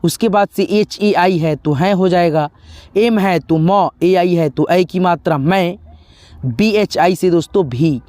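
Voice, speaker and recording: High-voiced man teaching spelling step by step. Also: unhurried, a little mellow, no echo. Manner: patient, repeats letters, addresses viewers as friends. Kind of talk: spelling lesson for beginners.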